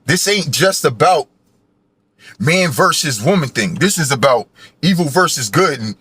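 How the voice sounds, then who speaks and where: This husky, slightly high male voice is expressive, a bit slow and fairly bright, with no echo. The speaker is a vlogger in his forties delivering an angry solo rant that is heated, profane and preachy, full of repeated "right?" tag questions.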